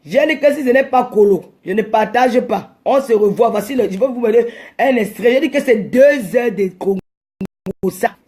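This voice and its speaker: A woman hosting a live stream, ranting and scolding her rivals combatively, sometimes shouting. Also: fairly high pitch, normal speed.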